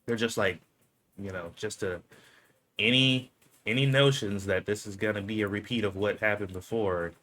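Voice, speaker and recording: A man's voice: lowish voice, steady tone, normal speed, fairly bright tone. A man co-hosting a live stream in loose, slangy casual chat, laughing often.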